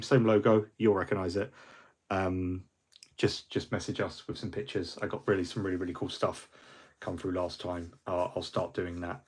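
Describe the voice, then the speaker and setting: Slightly rough and low, the voice belongs to a middle-aged hobby livestream host chatting casually in a friendly, rambling way. He's full of ums and restarts and sounds a little fluey.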